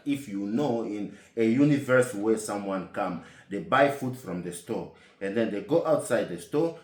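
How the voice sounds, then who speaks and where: Animated man telling an indignant story. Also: medium pitch, echoey room. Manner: animated, indignant, rhetorical questions. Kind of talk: comic storytime monologue.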